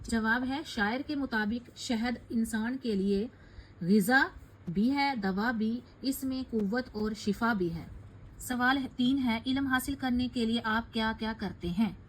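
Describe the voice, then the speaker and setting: A woman's voice: a little high, a little hiss or hum, low-quality recording. A woman teacher reading out questions and answers for a class lesson, explaining step by step and correcting herself now and then.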